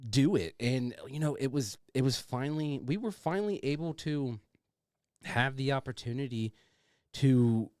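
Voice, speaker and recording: A man's voice: mid-range voice, no echo, studio quality. A man co-hosting a casual podcast, talking effusively and informally, often repeating himself. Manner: effusive, repetitive, informal with swearing. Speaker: podcast co-host.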